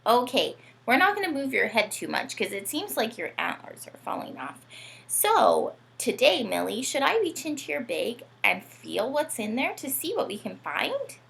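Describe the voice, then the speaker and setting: A woman whose voice is a little high, with vocal fry and a moderate pace, hosts a children's read-aloud. She reads and chats with young children in an animated, sing-song way, often asking them questions.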